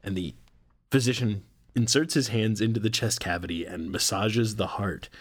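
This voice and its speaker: A man co-hosting a podcast in casual chat, animated and profane, often laughing. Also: on the low side, moderate pace, husky, no echo, clean studio sound. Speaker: podcast co-host.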